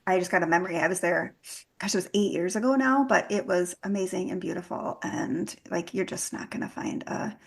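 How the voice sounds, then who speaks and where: Woman, young adult, Minnesotan accent, chatty, laughs often, gravelly fry. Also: on the low side. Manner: giggly, chatty, quick to laugh. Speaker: guest, business coach. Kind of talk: casual interview chat.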